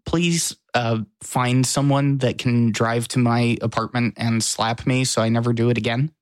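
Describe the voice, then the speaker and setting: In casual podcast chat, the American co-host is wry and pokes fun at himself. He speaks in a smooth, steady mid-range voice at an unhurried pace, and the recording is dry.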